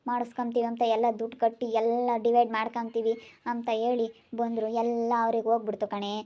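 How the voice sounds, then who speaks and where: A woman's voice: a little high, monotone, fairly quick, dark tone, natural voice. A woman, acting a worried village wife who consoles a relative with resigned rhetorical questions. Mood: grieving. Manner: soothing yet resigned, repeats rhetorical questions. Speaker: actor in a village family drama. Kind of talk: amateur family drama acting.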